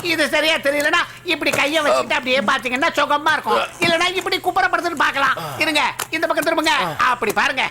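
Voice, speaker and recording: A woman's voice: high-pitched, fast, hardly any pauses, noisy background. An actress dubbing a mischievous young woman who chatters in a playful, teasing way. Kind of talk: Tamil film dub. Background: film score.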